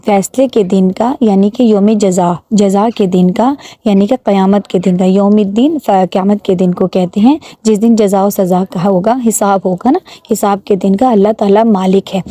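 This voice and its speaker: Patient Pakistani woman teaching slow recitation. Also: mid-range voice, fairly even intonation, warm tone, no echo. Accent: Pakistani Urdu. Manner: patient, slow drawn-out recitation, points out common mistakes. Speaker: religious teacher. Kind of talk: teaching recitation with word-by-word Urdu translation.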